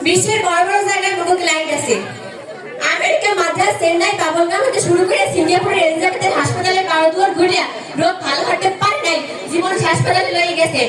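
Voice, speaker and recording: In a very echoey hall, picked up from a distance, a boastful street hawker played by a young woman barks out a comic sales pitch. The voice is very high, with a Barisal Bangladeshi accent and repetitive, sing-song patter. A crowd can be heard around it. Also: steady tone, fast, music in the background. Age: young adult. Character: brash, boastful roadside hawker of cure-all tonic. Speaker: student performer in a stage act. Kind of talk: loud carnival barker sales pitch, comic stage monologue.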